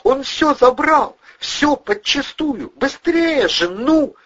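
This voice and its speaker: Audiobook: screeching blonde woman, hysterical falsetto, bossy and frantic. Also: expressive, slow, muffled recording, full character voice. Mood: commanding frantic. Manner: screeching high falsetto, yelling insults.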